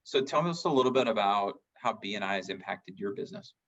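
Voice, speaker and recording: A man co-host with a fairly low voice, recorded on dull, lo-fi audio. He asks his guest a relaxed, conversational question and slips up once before carrying on. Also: fast. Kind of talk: interview questions. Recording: dull lo-fi sound.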